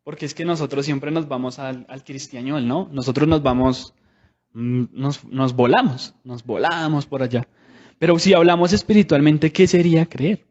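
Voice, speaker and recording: A man's voice: mid-range voice, normal speed, darkish tone, dull audio. A man preaching a sermon in a conversational way, asking the congregation many rhetorical questions.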